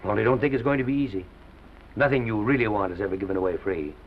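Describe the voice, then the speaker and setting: A man's voice: lowish voice, slight background noise, natural voice. Wry fatherly studio boss guy, an actor doing him, middle-aged man, muffled old film sound. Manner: paternal, wry, brisk. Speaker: studio head. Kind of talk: 1930s film acting. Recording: dull 1930s film soundtrack.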